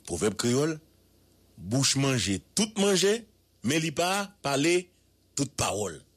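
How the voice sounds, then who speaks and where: A man with a Haitian accent delivers emphatic radio news commentary in a mid-range, slightly rough voice that is very animated. He repeats words for effect with drawn-out repetitions, leans on proverbs and poses rhetorical questions.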